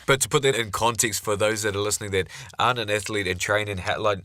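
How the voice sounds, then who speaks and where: Very bright-voiced New man co-hosting. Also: lowish voice, fairly even intonation, quick pace, no room sound. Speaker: podcast co-host. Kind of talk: casual interview chat.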